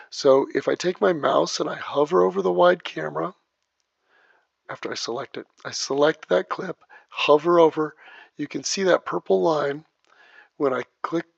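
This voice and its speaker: A man teaching video editing step by step, narrating each click as he works, heard through low sample rate, muffled audio. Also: gravelly, dry recording. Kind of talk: step-by-step screen tutorial. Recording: dull lo-fi dry voice track.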